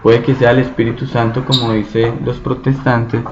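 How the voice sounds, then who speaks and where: On a dull lo-fi recording with background noise, a man leads a Bible study in a level, medium-pitched voice. He speaks slowly and keeps checking in with the group through frequent rhetorical questions.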